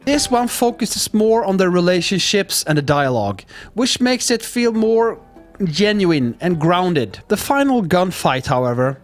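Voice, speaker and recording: Male movie reviewer, playful and self-mocking, lively pitch, faint music behind. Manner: playful, self-mocking, stumbles over words. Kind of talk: scripted film review with jokes.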